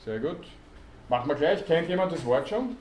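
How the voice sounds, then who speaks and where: A man's voice: a little high, animated, normal speed, darkish tone. Man lecturing in an echoey hall. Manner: explains patiently, quizzes the class, many hesitation sounds. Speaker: university lecturer. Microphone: student recording from the audience. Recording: echoey hall, faint background noise.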